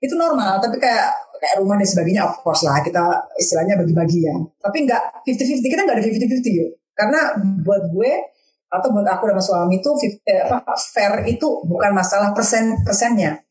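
Woman guest from Indonesia, rapid chatty delivery, roomy echo. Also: mid-range voice, animated, darkish tone. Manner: chatty, lots of fillers and restarts. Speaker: podcast guest. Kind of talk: casual chat.

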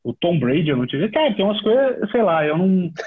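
A middle-aged Brazilian man, a TV sports reporter, chatting relaxed and full of fillers as a podcast guest. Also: sits high, fast, husky. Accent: Brazilian Portuguese. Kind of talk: casual podcast storytelling. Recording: tinny phone-like line.

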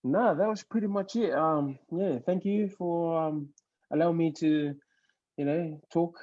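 A young man from Fiji talks in a relaxed, rambling way, full of fillers and trailing phrases. His voice sits a little high but sounds soft and mellow. The call audio comes through dull and lo-fi. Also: measured pace. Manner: laid-back, rambling with many fillers. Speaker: podcast guest. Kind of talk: casual chat.

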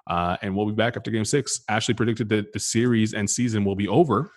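A man hosting a casual sports podcast, relaxed and prone to repeating words and restarting. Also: on the low side, brisk, a crowd in the background. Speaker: podcast host.

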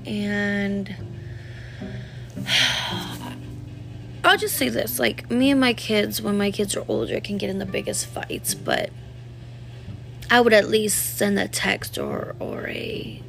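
A woman's voice: mid-range voice, lively intonation, takes it slowly, gravelly, pauses often, a bit bright, faint music behind. A woman in her thirties telling a personal story to camera, candid and rambling, full of "like" fillers and talking straight to her viewers. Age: 30s. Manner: addresses viewers directly. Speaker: vlogger.

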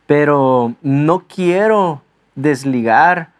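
A man's voice: fairly high pitch, extremely slow, clean tone, dry recording. A man co-hosting a teaching talk, mostly giving short, affirming remarks. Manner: brief affirming interjections. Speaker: co-host.

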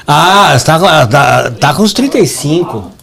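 A man with a Brazilian Portuguese accent, a podcast guest and comedian, joking crudely and deadpan in casual chat. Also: a little high, normal speed, vocal fry.

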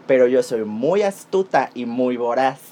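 A woman's voice: extremely low pitch, animated, measured pace, warm tone. A woman with a Mexican accent co-hosting a casual chat, telling stories dramatically and speaking bluntly with slang. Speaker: podcast co-host.

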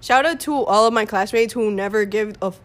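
A teenage girl from Honduras, a podcast guest in casual chat, often halting and correcting herself. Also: medium pitch. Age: teens.

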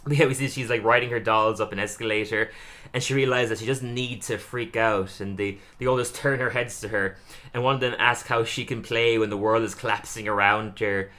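Bright-voiced man recapping a cartoon episode. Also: lowish voice, brisk. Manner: animated, laughs often, acts out quotes. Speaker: podcast co-host.

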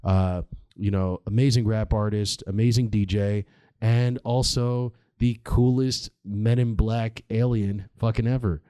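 Mellow, low-voiced man podcasting casually. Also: fairly even intonation, unhurried, clear, resonant tone, no echo. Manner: informal, slangy, heavy swearing. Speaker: podcast host. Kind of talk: casual comedic monologue on current events.

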